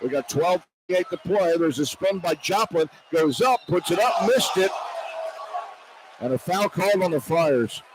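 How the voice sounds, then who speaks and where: An animated but unhurried American man with a high-pitched voice calls live basketball for radio, using terse, clipped phrases. He works courtside in a large indoor arena, and arena ambience and noise are clearly heard throughout the broadcast.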